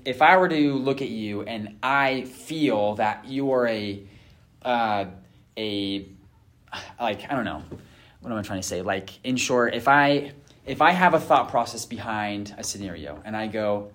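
This host and therapist has a medium-pitched, slightly bright voice and talks a little slowly in a casual discussion. Earnestly, with lots of fillers and restarts, he performs couples' voices.

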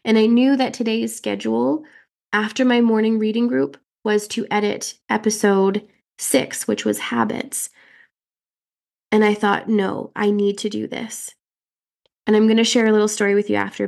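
A woman hosting a motivational podcast while getting over a head cold, her voice nasal and raspy, coaching listeners directly with earnest questions. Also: medium pitch, little pitch movement, normal speed, darkish tone. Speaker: podcast host and fertility mindset coach.

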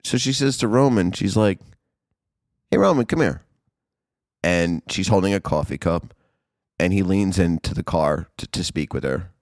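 A man hosting a podcast, telling a story in an animated, profane, chatty way. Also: low voice, normal speed, no room sound, studio quality. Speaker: podcast host. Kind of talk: casual podcast chat.

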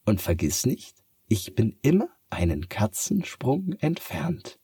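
A man's voice: mid-range voice, huge pitch swings, gravelly, mellow, breathy edge, dry recording, clean studio sound, voice pushed up, heavily acted. A man voicing a sly, kind talking cat from the moon in a bedtime story, purring and teasing. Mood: gentle. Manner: purring, drawn-out teasing delivery.

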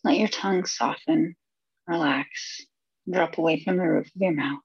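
A woman leading a guided meditation in a soft, husky voice, soothing and unhurried, with pauses between phrases. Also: low-pitched, no room sound, muffled recording.

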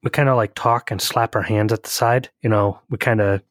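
A man's voice: fairly low pitch, fairly even intonation, brisk, no echo, studio quality. A man co-hosting a podcast in casual chat, talking loosely with restarts and frequent laughs. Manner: chatty, rambling with restarts, laughs often. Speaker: podcast co-host.

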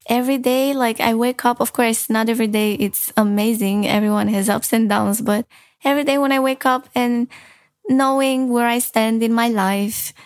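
An earnest woman in her 20s, a self-help vlogger, gives a casual motivational talk to camera. Her voice sits on the high side and sounds dry and close, with no echo. She leans on "like" as a filler and repeats phrases for emphasis.

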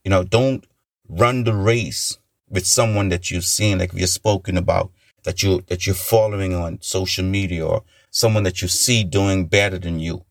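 A man's voice: deep voice, steady tone, moderate pace, creaky. A man talks through self-care and self-worth in an unscripted, encouraging way. He rambles, restarts sentences and fills gaps with "you know". The sound is dry and close, with no room echo. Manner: earnest, encouraging. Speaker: motivational speaker. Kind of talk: unscripted motivational talk.

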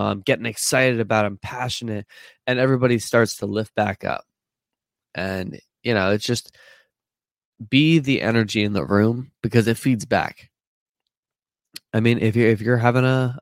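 A man with a stuffy nose hosts a casual motivational podcast, speaking earnestly but rambling and using plenty of fillers. His voice is lowish, and there's no echo.

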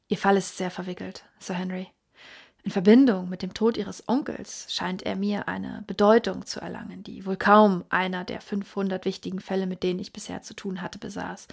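A calm, keen-minded detective , read by a woman. He speaks in a measured, inquisitive way, sometimes dropping to a hush, and the voice is husky and breathy, at a middling pitch. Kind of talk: audiobook reading.

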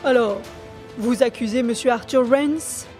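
A woman's voice: a little high, measured pace, a little mellow, faint music behind, lightly acted. A woman voicing a stern male court president who questions in a formal, insistent way. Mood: questioning.

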